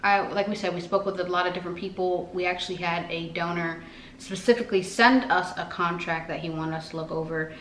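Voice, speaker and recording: A woman's voice: fairly low pitch, steady tone, a little fast. A woman vlogger chatting casually, rambling with many fillers. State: out of breath. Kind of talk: casual chat. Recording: echoey room, faint noise.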